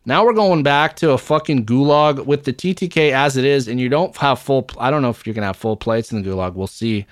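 A man's voice: medium pitch, fairly quick, no room sound, studio quality. A man co-hosting a gaming podcast, talking bluntly and opinionated with plenty of swearing. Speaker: podcast co-host. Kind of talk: casual gaming podcast chat.

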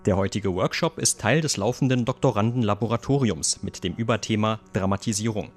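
Lowish-voiced man reading a voice-over. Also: brisk. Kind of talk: scripted voice-over translation of a speaker.

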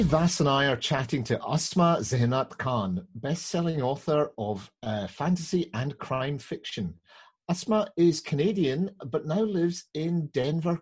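A man's voice: fairly high pitch, darkish tone, breathy edge. A British man co-hosting a podcast in casual, jokey, self-deprecating banter. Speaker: podcast co-host.

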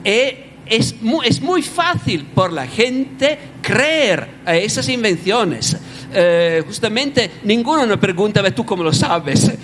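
A man speaks in a panel discussion, halting as he searches for words. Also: high voice, very animated, fairly bright tone, a little hiss or hum.

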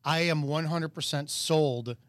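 A man's voice: on the high side, measured pace, no echo. A middle-aged man co-hosting a comedic talk show, telling stories in a rambling, profane way. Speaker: radio show co-host. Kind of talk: casual comedic chat.

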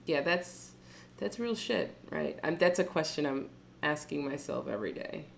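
A woman's voice: deep voice, expressive, normal speed, gravelly, a little hiss or hum. A woman co-hosting a casual chat, blunt and teasing, with a wry way of talking. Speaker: co-host.

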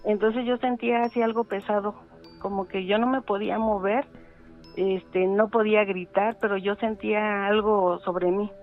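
A middle-aged woman, calling in to tell a ghost story in a halting way with many fillers, over a phone line. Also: medium pitch, steady tone, faint music behind. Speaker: caller telling a ghost story.

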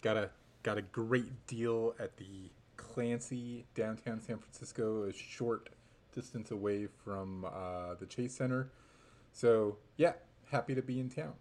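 A man co-hosting a sports podcast, giving casual analysis in halting, thoughtful phrases. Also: fairly low pitch, darkish tone.

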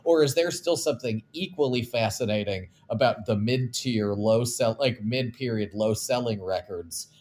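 A man speaks in long, wordy runs during a casual podcast chat and pokes fun at himself. His voice sits at a middle pitch. A faint low rumble sits behind him. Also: moderate pace, hardly any pauses, a little mellow. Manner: wordy, self-deprecating. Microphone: video call, camera off.

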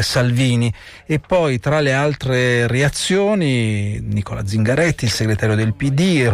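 Man hosting live radio news. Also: medium pitch. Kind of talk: live radio news presenting, reading out statements.

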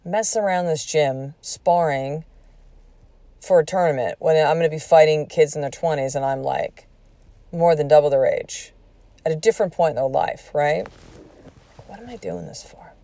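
A woman's voice: low-pitched, moderate pace, no echo. A woman in her forties, a podcast host telling a personal story in a candid, profane way, acting out what people said. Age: 40s. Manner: candid and profane, animated retelling with quoted speech.

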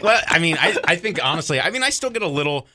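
Male comic guest for casual interview, loose and anecdotal, bright and close-miked dry. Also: a little high, fast talker, no echo. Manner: relaxed, storytelling, filler-heavy. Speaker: comedian and magician guest.

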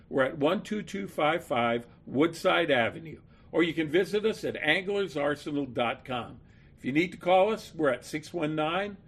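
A man delivers a scripted radio advert for his shop. His voice is a little high for a man and has a rough, husky grain. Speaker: store owner reading own radio ad.

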